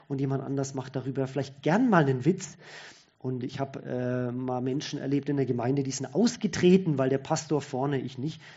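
A man's voice: mid-range voice, dark tone, husky, muffled recording. A man giving a conversational sermon-style talk, thinking aloud with restarts.

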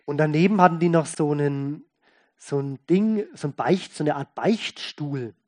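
Here a pastor gives a sermon with a medium-pitched voice. The style is folksy and chatty, with key words stressed and repeated, and he keeps alternating between loud emphasis and softer asides.

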